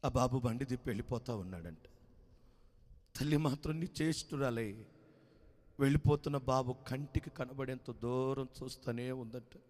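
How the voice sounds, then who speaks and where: A man preaching, telling a sad story with great emotion, moving between hushed lines and loud wailing cries. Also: mid-range voice, moderate pace, big-room sound.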